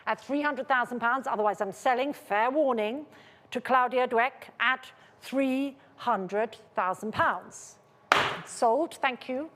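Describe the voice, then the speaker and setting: A woman with a fairly high voice runs a live auction in a large, reverberant room. She calls and repeats bid figures with polite, controlled insistence, keeping steady command of the sale. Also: slow pace, slight background noise.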